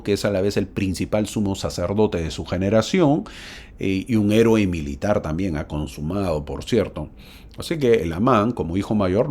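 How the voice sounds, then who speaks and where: Deep-voiced middle-aged guy giving a church lesson, lots of questions to the listener, voice goes up and down a lot. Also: darkish tone. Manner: asks the listener many rhetorical questions. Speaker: scripture teacher. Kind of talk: religious lesson.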